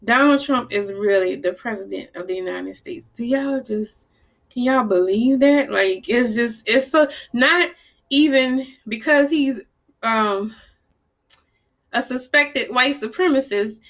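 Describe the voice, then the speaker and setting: Animated New woman telling stories. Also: on the high side, a little slow. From New Orleans, US South. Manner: animated storyteller, acts out quoted people, blunt and salty. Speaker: vlogger. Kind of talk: casual chat to camera.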